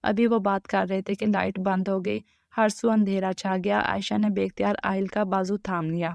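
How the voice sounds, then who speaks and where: A woman narrating a romantic story in a steady scripted reading. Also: mid-range voice, creaky, no room sound, lo-fi sound.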